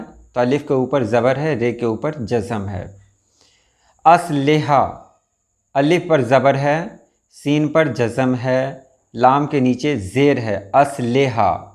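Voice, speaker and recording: A man teaching Urdu pronunciation, saying each word and then patiently spelling out its vowel marks. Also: mid-range voice. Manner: measured, stresses each word before spelling out its diacritics. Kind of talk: slow explanatory lesson.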